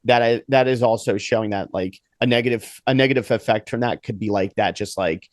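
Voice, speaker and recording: Male co-host with a lowish voice and dry close sound; loose, filler-heavy casual talk. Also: a little fast, no room sound. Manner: rambling, lots of fillers like "you know" and "kinda". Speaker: podcast co-host. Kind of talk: casual chat.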